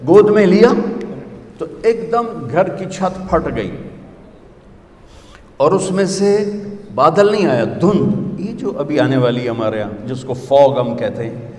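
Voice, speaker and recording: A man's voice: a little high, lively intonation, darkish tone. A male preacher delivers a sermon with rhythmic, emphatic lists that rise in repetition. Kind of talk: Urdu sermon. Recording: echoey hall with long reverb.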